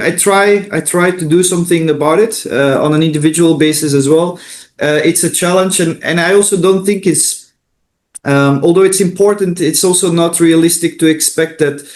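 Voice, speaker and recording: A middle-aged man from Belgium giving hesitant, unscripted interview answers over a video call, with many fillers and restarts. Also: fairly high pitch. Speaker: interview guest, consultant.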